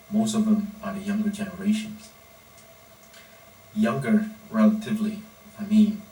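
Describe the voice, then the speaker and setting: A young man with a fairly low voice talks steadily in short, deliberate phrases, like a coach giving a prepared monologue. He sits back from the microphone in an echoey room, with a faint hiss of background noise. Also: dark tone. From Indonesia. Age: 20s. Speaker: powerlifting coach and founder. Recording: roomy echo, distant mic, faint background noise.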